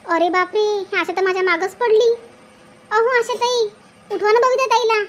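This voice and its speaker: A woman's voice: very high-pitched, normal speed, fairly bright tone. A woman playing a grumbling village sister-in-law who complains and exclaims a lot in a comedy skit. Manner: whiny, complaining, exclaims often. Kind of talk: comedy sketch acting.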